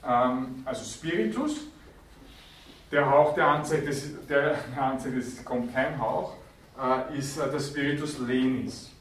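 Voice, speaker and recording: A man's voice: medium pitch, slow pace, recorded from a distance, slight background noise. Man lecturing in an echoey hall. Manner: explanatory, with frequent fillers and self-corrections. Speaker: university lecturer. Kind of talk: university lecture.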